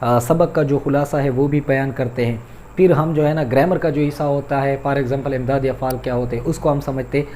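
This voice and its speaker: A man's voice: mid-range voice, fairly even intonation, a little mellow, a little hiss or hum. A man teaching an Urdu class, explaining vocabulary and repeating words to correct their pronunciation, addressing listeners politely. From Pakistan. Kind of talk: lecture on vocabulary and grammar.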